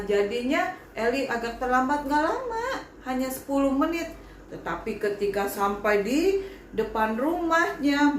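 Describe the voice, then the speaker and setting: A woman, a Sunday school teacher, telling a Bible lesson story to children in an animated way. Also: a little high, roomy sound, a little hiss or hum. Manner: animated, speaks to children directly. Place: church broadcast.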